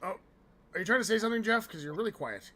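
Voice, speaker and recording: A man's voice: high-pitched, animated, fast talker, sharp tone. A man casually narrating a tabletop game as the game master.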